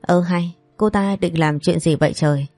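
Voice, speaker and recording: A woman narrating a romance story with a steady, expressive reading. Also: lowish voice, moderate pace, dry recording, faint music behind.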